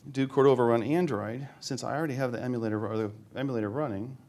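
A man speaks from a conference stage, his voice at an everyday middle pitch. He jokes with the crowd and pokes fun at himself as he types commands. He narrates each step of his live demo out loud. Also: fast. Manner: joking, self-deprecating, thinks aloud while demoing. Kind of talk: live tech talk demo. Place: conference hall with live audience.

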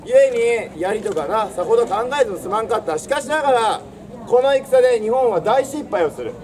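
A young man's high-sitting, darkish voice carries lively intonation and a brisk pace as he projects a theatrical history lesson in old samurai speech. His manner is that of a swaggering, declamatory storyteller, outdoors before a castle stone wall. He's far from the mic, with crowd, birds and traffic in the background.

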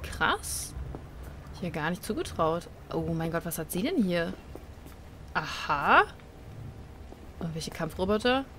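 A woman's voice: lowish voice, very animated, measured pace, long pauses, a bit bright, slight background noise. A young woman commenting casually on a game she plays, exclaiming and reading in-game texts aloud. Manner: chatty, exclamatory, reads in-game text aloud. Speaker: let's play streamer.

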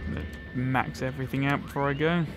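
A man's voice: mid-range voice, fairly even intonation, fast talker, music in the background. A man playing a video game and commentating as he goes, swearing, joking and mocking himself. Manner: sweary, self-mocking, talks to game characters. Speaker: gamer. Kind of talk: let's play commentary.

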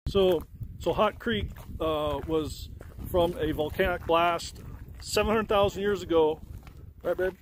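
A man's voice: sits high, measured pace, slight background noise. Easygoing man vlogging on a hike. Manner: rambling, filler-heavy, easygoing. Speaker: travel vlogger, host. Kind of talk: casual vlog narration on a hike. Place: outdoors on a trail.

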